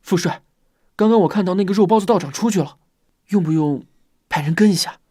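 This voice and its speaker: An actor playing an eager, deferential young soldier who is the commander's son. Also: male voice, high-pitched, brisk, warm tone, breathy edge, no echo, clean studio sound.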